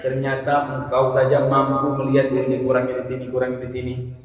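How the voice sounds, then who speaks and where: Dramatic preacher in an echoey hall. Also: male voice, medium pitch, completely flat delivery, brisk, recorded from a distance. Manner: dramatic, swings from soft to shouted prayer. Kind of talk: sermon storytelling.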